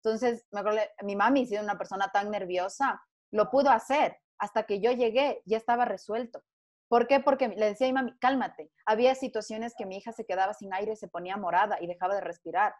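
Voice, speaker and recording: A woman's voice: mid-range voice, a little fast. Woman telling a family story. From Ecuador. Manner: earnest storytelling with frequent restarts. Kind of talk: conversational panel talk.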